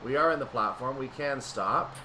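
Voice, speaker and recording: A gameplay commentator plays along with a train simulator, now and then switching into the calls of a station announcer. His voice sits in the mid range and moves at a moderate pace. The recording is low quality, with steady noise running behind him.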